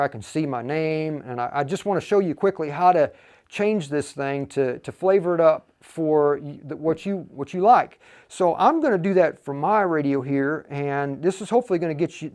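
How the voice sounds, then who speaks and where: A somewhat high voice with a darkish tone belongs to a livestream host teaching radio programming. His tutorial is casual and step by step, and he thinks aloud as he demonstrates.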